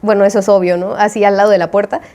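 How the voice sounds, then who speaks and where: A woman's voice: medium pitch, little pitch movement, rapid-fire, warm tone. Slangy Mexican woman telling a dream. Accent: Mexican Spanish. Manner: slangy, chatty, acts out her own reactions. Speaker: indie game developer and vlogger. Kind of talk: casual storytelling.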